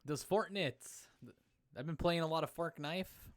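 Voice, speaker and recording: Soft-spoken man with short replies. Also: a little high, unhurried, no echo, studio quality. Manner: brief agreeing replies. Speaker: podcast co-host. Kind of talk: casual chat.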